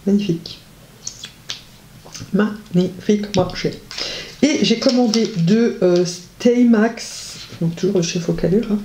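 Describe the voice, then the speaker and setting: A woman's voice: medium pitch, unhurried, warm tone, a little hiss or hum. A woman casually reviewing makeup on her vlog, chatty and enthusiastic, with many hesitations and gushing words of praise. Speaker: beauty vlogger. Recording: roomy echo.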